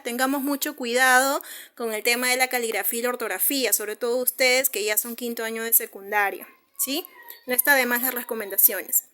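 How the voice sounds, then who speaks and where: A woman's voice: fairly high pitch, sharp tone. A Peruvian woman teaching a secondary school language class online, explaining slides patiently and checking in with her students with frequent tag questions. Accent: Peruvian Spanish. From Peru.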